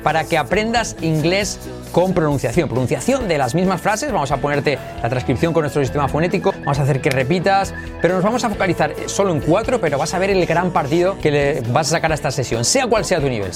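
Upbeat higher-pitched male English teacher. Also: music in the background. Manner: lively, drills phrases with slow repetition. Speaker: English teacher, channel host. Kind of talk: energetic video lesson.

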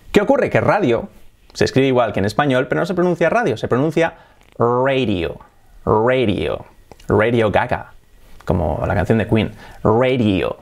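A man's voice: medium pitch, vocal fry. A man from Spain with a Spanish accent, teaching English pronunciation in a casual, playful video lesson. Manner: laughs often.

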